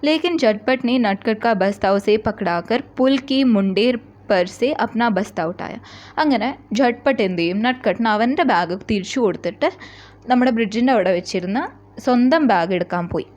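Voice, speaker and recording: A woman teacher from Kerala. She reads a story line by line, slowly, then explains each line quickly in a chatty way. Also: mid-range voice, darkish tone, muffled recording.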